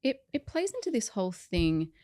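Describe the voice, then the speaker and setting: A woman hosting an interview, asking questions and reacting with quick remarks and laughter. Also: on the high side, sing-song, mellow, dry recording, studio quality. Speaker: interview host. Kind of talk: casual interview chat.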